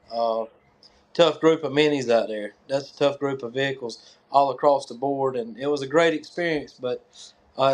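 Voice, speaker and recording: A man with a Southern US accent gives casual interview answers. His pitch is average, and he speaks haltingly, feeling his way through each thought. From North Carolina, USA. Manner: hesitant, halting. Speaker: tractor pull competitor and track organizer.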